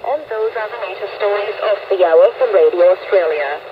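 A radio newsreader reads a scripted news bulletin at normal speed and medium pitch. The sound comes through noisy shortwave radio with a narrow, phone-like band.

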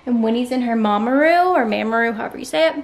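A woman's voice: a little high, rapid-fire, gravelly, darkish tone. A young woman, a stay-at-home mom, chatting casually to camera at home in a bubbly way, with lots of fillers. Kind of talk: casual vlog chat to camera. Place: family home.

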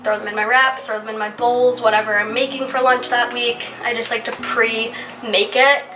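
Sounding stuffy after being ill recently, this twenty-something lifestyle vlogger talks casually through her grocery haul, full of "like" fillers. Her voice is a little high. She's at home indoors, caught off-mic in a roomy recording with music playing in the background.

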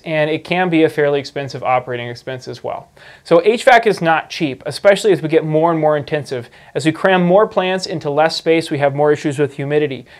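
A man in his thirties explaining a farming topic to camera in a studio, talking conversationally with frequent fillers and restarts on a lapel mic. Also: fairly high pitch. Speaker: indoor farming educator.

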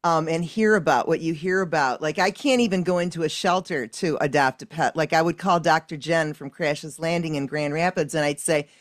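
A woman's voice: deep voice, fairly quick, few pauses, dry recording, clean studio sound. A woman hosting an interview, chatting casually and telling her own pet anecdotes with fillers. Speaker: interview host.

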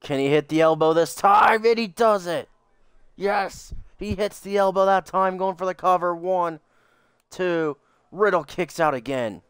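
A man calling play-by-play like a wrestling commentator, with dramatic, excitable calls and casual asides. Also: sits high, measured pace, smooth, no room sound, studio quality. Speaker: video game player commentating on a wrestling match.

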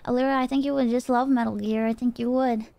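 A woman's voice: on the high side, steady tone, fast, vocal fry, mellow, no room sound. A drunk woman livestreamer telling a story casually in a loose, rambling way. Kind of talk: casual storytelling, retelling a game plot.

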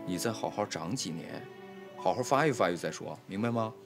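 Over background music, a man voices an exasperated, flustered household lord who scolds those around him in an audio drama. His voice is on the low side, animated and a little fast.

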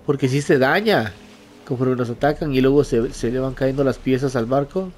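Man, let's play commentary, excitable, jumpy yelps, medium pitch, faint music behind. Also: moderate pace. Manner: excitable, yelps and swears when startled. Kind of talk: casual gameplay commentary.

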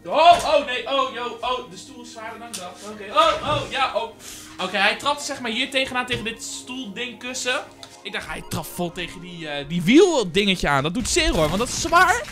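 A young Dutch man reacting to gaming clips, with loud excited bursts and laughter, mixing in English slang. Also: very high voice, normal speed, over music. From Netherlands. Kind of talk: casual reaction commentary.

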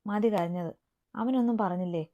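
A woman's voice: medium pitch, moderate pace, mellow, natural voice. A woman voicing a stern, protective young man who is an older brother, in a dull lo-fi recording. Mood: calm. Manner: stern, raises voice in anger.

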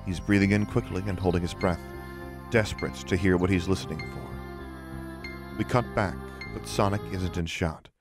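A man narrating the scene directions of an audio drama in a plain, measured reading. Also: low voice, fairly even intonation, music in the background. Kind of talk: scripted narration of stage directions.

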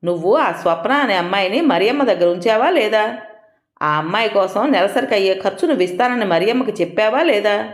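A woman's voice: medium pitch, animated, a little fast, reverberant, pitched above the performer's own voice, close to an everyday voice. A woman reading the part of a stern older man who angrily questions his nephew. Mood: accusing. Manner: accusing, interrogating. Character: stern angry older man, protective uncle.

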